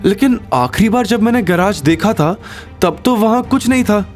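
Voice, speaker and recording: A man's voice: sits high, lively intonation, moderate pace, darkish tone, soft background music, pitched above the performer's own voice. A man voicing an anxious young woman heroine in an audio story, speaking in alarmed, questioning tones. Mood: doubtful.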